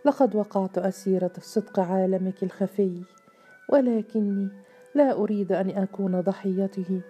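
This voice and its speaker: Scared little sister, read by a woman, sighing, pleading, mellow. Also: medium pitch, moderate pace, faint music behind, close to an everyday voice. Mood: fearful. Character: young sister, frightened and pleading.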